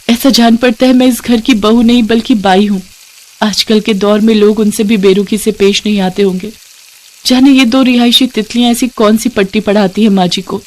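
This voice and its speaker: A woman's voice: mid-range voice, darkish tone, lightly acted. Woman voicing a weary poor young daughter-in-law. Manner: complaining, self-pitying.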